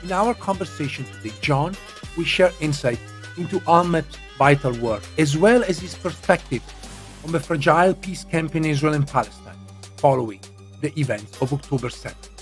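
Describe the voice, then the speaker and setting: Over faint music, a podcast host with a slightly high voice reads a scripted introduction with deliberate, dramatic pacing. He then turns to his guest and starts asking questions.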